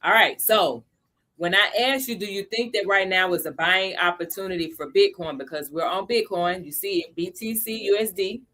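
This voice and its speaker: Bright and forceful, with a mid-range voice, this livestream host walks viewers through crypto basics in a casual session. She greets people by name, chats along the way, and slows down to underline the important parts.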